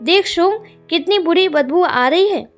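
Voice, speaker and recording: A woman's voice: very high voice, animated, unhurried, faint music behind. A woman voicing a jumpy scared young man. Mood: agitated. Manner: panicky, shouting questions.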